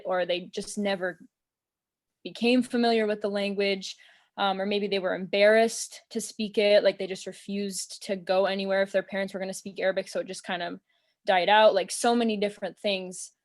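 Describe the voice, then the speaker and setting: Many "um"s and "like"s fill the relaxed, earnest speech of a young American woman being interviewed on a video call. Her voice is mid-range, the talk is casual and thoughtful, and she's indoors in a small room at home.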